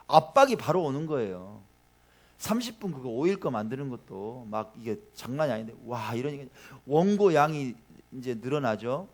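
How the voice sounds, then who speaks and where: Male pastor, Sunday sermon in a church, informal and chatty, speaks straight to the congregation. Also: medium pitch. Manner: chatty, addresses the congregation directly with questions; tells personal anecdotes in a lively, informal way. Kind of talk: conversational sermon. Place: church sanctuary.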